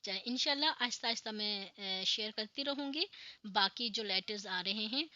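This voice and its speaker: A woman teaching the Arabic letters, drawing each sound out slowly and then explaining in quick asides. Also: mid-range voice, bright, forceful tone, no room sound, highs cut off. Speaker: Quran reading teacher. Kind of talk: slow drilled recitation lesson.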